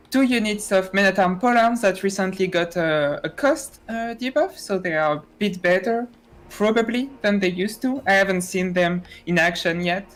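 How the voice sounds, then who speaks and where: Chatty woman casting a strategy game. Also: mid-range voice. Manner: chatty, many fillers and restarts. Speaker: esports caster. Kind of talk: tournament commentary.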